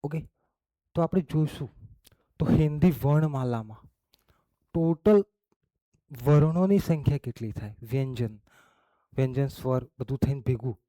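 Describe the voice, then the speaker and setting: Recorded dry, a man with a mellow mid-range voice gives a classroom lesson. He explains slowly and in steps, checking understanding with "okay?" and "barabar?" after every point.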